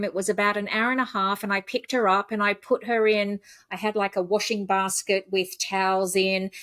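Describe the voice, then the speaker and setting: Casting: chatty woman host, mid pitch, dry close recording. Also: no echo. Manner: chatty, laughs often, animated when quoting herself. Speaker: podcast host. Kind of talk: casual interview chat.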